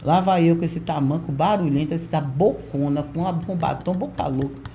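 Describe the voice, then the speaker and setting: A woman pastor in her forties, a podcast guest telling a lively testimony and acting out the voices of people in it. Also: deep voice, normal speed, slight background noise. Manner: lively storyteller who acts out quoted voices. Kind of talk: storytelling testimony in a podcast interview.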